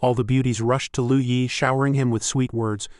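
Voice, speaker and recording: Steady male recap narrator. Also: mid-range voice, fairly quick, dry recording, studio quality.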